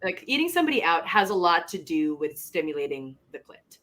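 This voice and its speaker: A woman's voice: lowish voice, big pitch swings, brisk, a bit bright. A woman with a Filipino English accent co-hosting a casual comedy podcast, teasing and playful. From Philippines. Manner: playful, teasing, laughs often. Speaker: podcast co-host.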